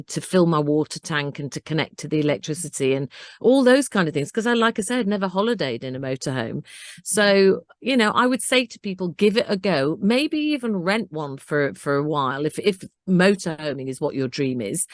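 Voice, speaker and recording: A woman's voice: deep voice, no room sound, clean studio sound. Earnest older woman telling her story. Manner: earnest, animated storytelling with acted-out self-talk. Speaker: interview guest. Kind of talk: conversational interview.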